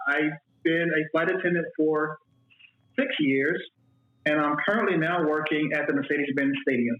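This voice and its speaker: This man in his forties, from Mississippi, is a guest in a casual interview, talking about his job as a flight attendant. His voice is a little high at normal speed, and he rambles loosely, repeating words. The audio sounds phone-like in an echoey room with a little hiss or hum.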